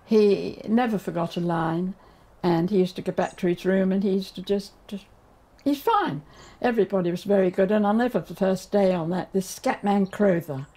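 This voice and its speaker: A woman's voice: medium pitch, moderate pace, warm tone. A woman in an interview, recalling long days on a film set and often trailing off mid-sentence. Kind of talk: interview recollection.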